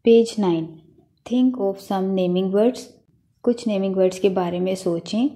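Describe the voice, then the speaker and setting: A woman teacher, working through a textbook lesson. She reads each English line slowly, then translates it quickly and spells words out letter by letter. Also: medium pitch, mellow.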